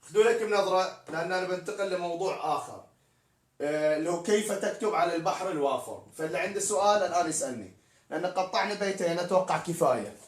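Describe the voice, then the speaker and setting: A man's voice: sits high, very fast. A man teaching poetic meter in a live-streamed lesson, spelling out words letter by letter as he explains. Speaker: poetry teacher. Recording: echoey room, distant mic.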